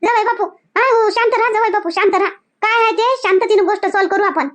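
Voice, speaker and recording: A woman with a Varhadi Marathi accent playing a worried middle-aged mother-in-law who asks question after question and pleads for calm. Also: very high voice, quick pace, very noisy. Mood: pleading.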